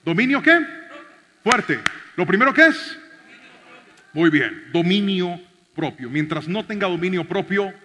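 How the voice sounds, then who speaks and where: A man, a pastor, preaching a sermon and telling a personal story in an animated way, shifting from shouting to soft speech. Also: sits high, measured pace, pauses often, long reverb tail, background noise.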